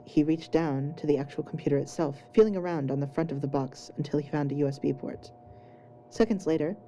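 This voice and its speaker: A woman with a low, very dark, mellow voice reads scripted fan fiction narration. The home recording carries faint noise and the audio is poor.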